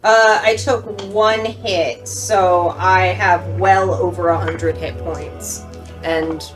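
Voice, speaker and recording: A woman's voice: lowish voice, steady tone, takes it slowly, soft background music, rough recording. A woman chatting casually as a player at a tabletop game.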